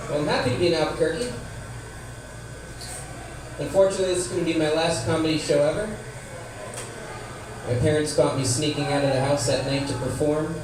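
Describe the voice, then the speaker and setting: A man's voice: a little high, steady tone, a little fast, pauses often. A man performing a stand-up comedy set, delivering short jokes to a live venue. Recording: echoey room, distant mic, noisy.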